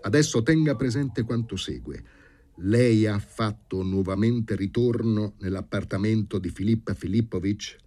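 A steely young doctor who issues slow, clipped threats in an iron-firm voice, played by a male narrator. His husky tone carries cold control in this read-aloud novel. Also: on the low side, animated, warm tone, faint music behind, voice pushed up. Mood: icy menace.

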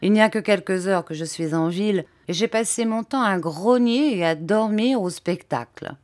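A woman's voice: medium pitch, normal speed, a little mellow, close to an everyday voice. A woman reading the lines of a confident, easygoing young male student in an audiobook, in a breezy, cheerful way.

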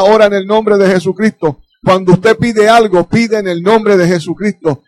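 A man's voice: high voice, no echo. A male pastor preaching a fervent sermon in a church, punctuating his points with frequent hallelujahs.

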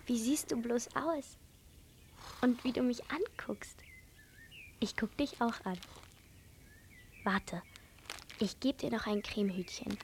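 A woman playing a young character in a radio play, speaking gently and coaxingly, often hushed. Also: fairly high pitch, slight background noise. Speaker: girl character Hannah.

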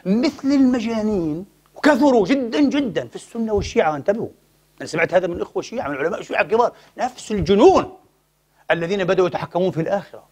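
Male preacher, high voice, rapid delivery, impassioned, rhetorical questions. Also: lively intonation, a little mellow, breathy edge. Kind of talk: sermon.

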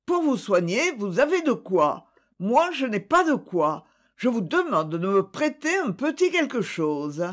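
A poor old flatterer who whimpers for charity, as an audiobook reader voices him. He pleads in a lively, up-and-down voice and takes his time over each phrase. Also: medium pitch, slow. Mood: pleading. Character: whining poor older man, sly flatterer.

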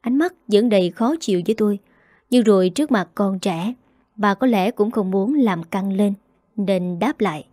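Dark-voiced woman narrating sorrowfully. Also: mid-range voice, dry recording, clean studio sound. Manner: sorrowful, measured storytelling. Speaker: story narrator. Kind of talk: scripted first-person narration.

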